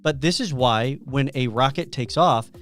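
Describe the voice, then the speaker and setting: A man's voice: medium pitch, moderate pace, soft background music. Storytelling man on a podcast. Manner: animated storyteller, reads out facts. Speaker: podcast co-host. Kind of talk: casual podcast chat.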